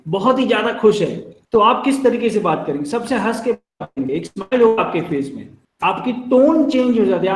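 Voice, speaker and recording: Indian male trainer, high-pitched, friendly explainer, lecture in a reverberant room. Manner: explains with everyday examples, addresses listeners as friends. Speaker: telecalling trainer. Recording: echoey room.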